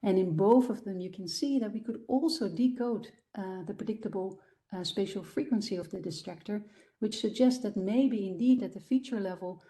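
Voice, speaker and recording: A woman's voice: medium pitch, normal speed, mellow. A woman giving an academic lecture about her research findings, explaining step by step with frequent ums and restarts. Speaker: guest lecturer.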